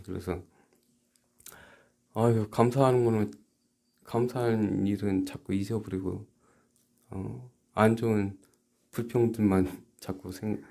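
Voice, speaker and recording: This church sermon is preached by a South Korean pastor in a fairly low, gravelly voice. He speaks haltingly, alternating between hushed asides and emphatic rhetorical questions.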